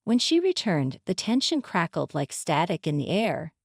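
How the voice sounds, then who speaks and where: A woman narrates a scripted first-person family story with dramatic storytelling. Her pitch swoops and moves a lot. The sound is dry and close, with no room around it. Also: very animated, moderate pace, creaky, no echo.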